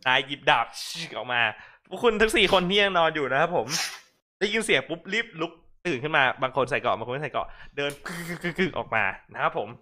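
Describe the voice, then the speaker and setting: Bright-voiced male game master. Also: on the high side, expressive, fast. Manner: polite narration with frequent "krub phom". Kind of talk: live-streamed tabletop game narration.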